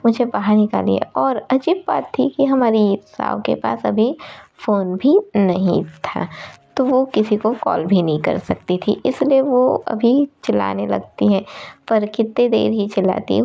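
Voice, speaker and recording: A woman casually narrating fan fiction in a relaxed retelling style, mixing in English words. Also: medium pitch, creaky. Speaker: storyteller. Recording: dull lo-fi recording.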